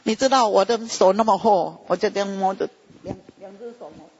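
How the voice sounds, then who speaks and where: A man preaching an emotional testimony sermon, his pitch jumping high as he tells it. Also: a little fast. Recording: dull lo-fi recording.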